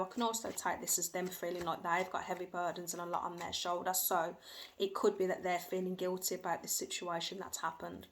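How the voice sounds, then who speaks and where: A woman with a gravelly, lowish voice does a tarot reading for her viewers from home. She goes by feeling, hedges and repeats phrases, and her small children make faint noise in the background.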